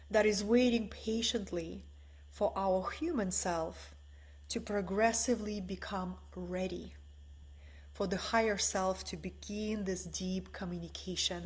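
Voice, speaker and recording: A spiritual teacher from the former Soviet Union livestreams a talk from a bright living room at home. She speaks slowly, softly and meditatively in a husky mid-range voice, often asking "right?"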